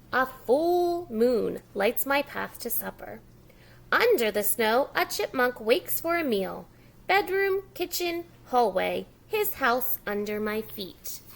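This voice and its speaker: Reading a picture book aloud to preschoolers, a woman delivers the story slowly and very expressively, her pitch swinging lively and her voice showing vocal fry. Her simple, child-directed asides are encouraging, and she prompts the little listeners to repeat words.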